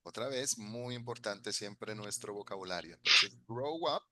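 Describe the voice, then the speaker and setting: A man's voice: lowish voice, unhurried, sharp tone, no room sound. A man teaching an English class in Spanish, patiently explaining grammar and repeating phrases for his students. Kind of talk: bilingual classroom lesson.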